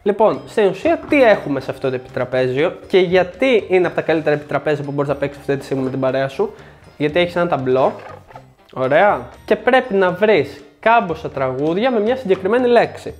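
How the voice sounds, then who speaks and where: A man's voice: fairly high pitch, lively intonation, soft background music. A young man hosting a board game review show, presenting in a scripted, joking way with sarcastic asides.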